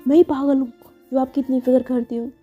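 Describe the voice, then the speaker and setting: A woman voicing an angry young woman who scolds her partner in rapid, indignant bursts. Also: high voice, muffled recording, faint music behind, pitched above the performer's own voice, close to an everyday voice. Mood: furious.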